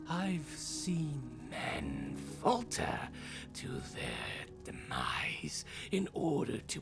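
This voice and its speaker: In a fantasy audio roleplay, a woman voices a sly creature of the night with theatrical, mockingly reverent flair, slipping into breathy tones. Her voice is lowish and exaggerated.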